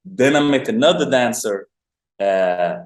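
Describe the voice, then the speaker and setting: A man's voice: medium pitch, lively intonation, unhurried. A young man from Sweden, a guest chatting loosely and upbeat about his life, with lots of "like" fillers. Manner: loose, rambling, upbeat, with many "like" fillers and laughs. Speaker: guest, online marketer for dancers. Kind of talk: casual interview chat. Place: remote call from abroad. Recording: roomy echo.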